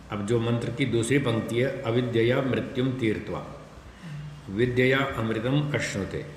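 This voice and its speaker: A man giving a scripture class, explaining slowly and deliberately, repeating key points. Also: mid-range voice, darkish tone, slight background noise. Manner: slow, deliberate explanation with repetition. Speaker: religious teacher. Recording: echoey hall with long reverb.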